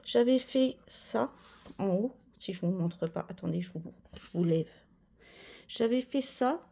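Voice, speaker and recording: A woman's voice: medium pitch, expressive, measured pace, gravelly, dark tone. A woman chatting casually as a cross-stitch vlogger, rambling with many fillers and self-corrections. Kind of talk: casual chat.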